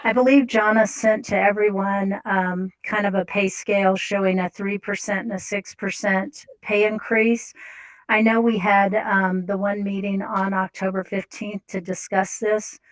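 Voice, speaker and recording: A woman's voice: mid-range voice, little pitch movement, a little slow, poor audio. A woman chairing a city council meeting, businesslike and polite, with frequent ums and restarts.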